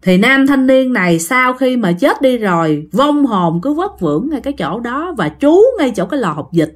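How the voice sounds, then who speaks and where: A woman's voice: fairly high pitch, very animated, moderate pace. A woman telling a ghost story in a chatty way, often addressing her listeners directly. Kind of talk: casual ghost-story narration.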